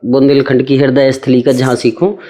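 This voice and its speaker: A man's voice: mid-range voice, level tone, moderate pace, warm tone. A man hosting an interview, asking folksy questions and giving brief acknowledgments. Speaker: interviewer host. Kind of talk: casual interview chat.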